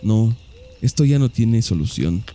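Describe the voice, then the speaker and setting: A man's voice: lowish voice, lively intonation, unhurried, warm tone, a little hiss or hum. A man voicing a tormented husband in a spoken story, delivering clipped, bitter outbursts. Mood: grim. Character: tormented husband, angry and despairing.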